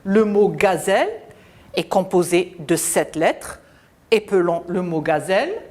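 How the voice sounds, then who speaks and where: A woman teacher giving a slow, deliberate phonics lesson to children, spelling out letters and syllables. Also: on the low side, animated, a little mellow.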